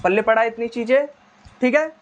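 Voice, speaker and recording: A man's voice: very high-pitched, fairly quick, lo-fi sound. Man teaching, quizzing and answering himself. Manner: asks questions and answers them himself, repeating key terms. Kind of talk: classroom lecture.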